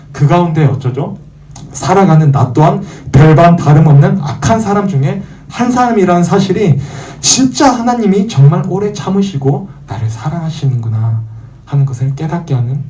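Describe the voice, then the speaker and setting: A young man preaching a Sunday sermon as pastor, putting questions to the congregation and acting out what doubters and mockers say. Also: sits high. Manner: animated, acts out quoted voices of churchgoers and mockers; asks the congregation questions and answers them himself. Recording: echoey room, voice from far off the mic.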